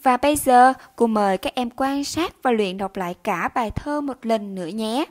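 A woman teacher giving a recorded reading lesson to young children, pronouncing each word and syllable slowly and carefully. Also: on the high side. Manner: slow, careful enunciation of words and syllables. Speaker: primary school teacher.

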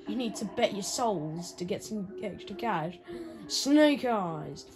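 A woman's voice: medium pitch, normal speed. Woman gamer reading cutscenes aloud, music behind. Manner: animated, jokey asides to the story. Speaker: gaming YouTuber. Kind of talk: reading game story aloud with commentary. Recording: game music playing behind. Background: game music.

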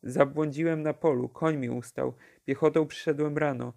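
A man's voice: on the high side, steady tone, normal speed, vocal fry, a little mellow. A man voicing a frightened, exhausted peasant boy in an audiobook, speaking timidly. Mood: pleading.

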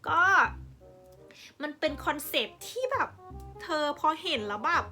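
Bright-voiced chatty woman vlogger. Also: sits high, sing-song, normal speed, faint music behind. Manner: chatty and playful, sprinkles sweet sentence endings. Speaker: vlogger reviewing a Japanese drink. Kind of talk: casual product review.

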